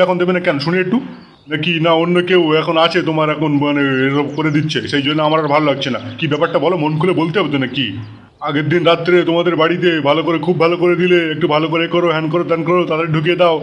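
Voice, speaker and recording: A man's voice: a little high, little pitch movement, rapid-fire, highs cut off, a little hiss or hum, close to an everyday voice. A man playing a brash, pushy middle-aged man in a comic audio drama, hot-tempered and full of threats. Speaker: the daughter-in-law's father, a co-in-law.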